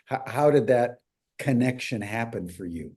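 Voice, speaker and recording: Mellow-voiced male interviewer. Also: medium pitch, animated, measured pace, breathy edge. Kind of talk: interview questions.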